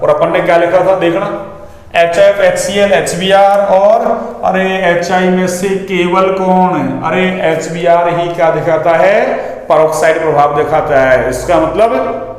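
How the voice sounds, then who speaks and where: A man teaching a chemistry lesson in a chatty classroom style, asking questions and answering them himself. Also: on the high side. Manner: conversational, full of rhetorical questions and "ना" tags. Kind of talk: classroom lecture. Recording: very echoey room with long reverb.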